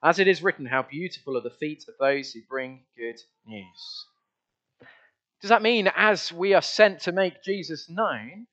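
A man's voice: fairly high pitch, a bit bright, dull audio. A man preaching a conversational, earnest sermon to his church. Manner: earnest, conversational, with many restarts. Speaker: pastor.

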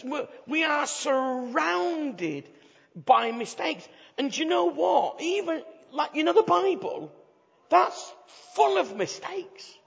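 A man with a broad-vowelled Bradford accent speaks in a high voice across a reverberant hall. He preaches informally, like a chatty, joking evangelist, checking in with his listeners through rhetorical questions. The sound is slightly dull. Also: vocal fry. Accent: Bradford, West Yorkshire. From Bradford, England. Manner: chatty, jokey, uses rhetorical tag questions. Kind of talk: informal humorous sermon to a live audience.

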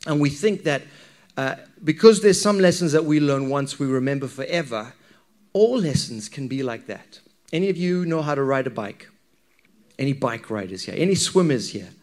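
A Zimbabwean man delivers a sermon as if chatting with his congregation, asking them questions and telling anecdotes. His voice is mid-range and darkish in tone, with lively intonation at a normal speed.

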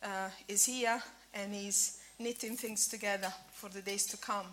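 This woman in her fifties comes from Italy and speaks Italian natively, with an Italian accent that carries a slight Scottish tinge. Her voice is medium-pitched, steady, fairly bright and a little slow as she delivers a casual sermon at a church breakfast, full of fillers and restarts.

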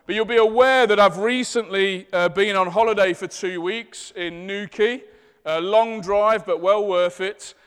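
A man with a Leicester accent preaching a church sermon in deliberate, emphatic phrases. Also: high-pitched, a bit bright, clear, resonant tone. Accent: Leicester, English East Midlands. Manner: deliberate, emphatic phrasing, seeking amens from listeners. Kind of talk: church sermon with scripture reading and prayer. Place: large echoing room, church service. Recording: reverberant hall sound.

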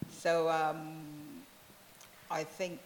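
A woman from Barbados, a church member, giving a soft, unhurried testimony in an interview. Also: low voice, monotone, big-room sound, a little hiss or hum. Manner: soft-spoken, unhurried, many "really"s.

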